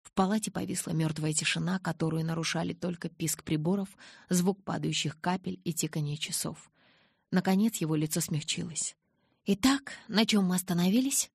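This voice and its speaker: A woman narrating a novel in an even, measured reading. Her voice is low and husky. The recording is dry and close, with no room sound. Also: dry recording. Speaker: audiobook reader.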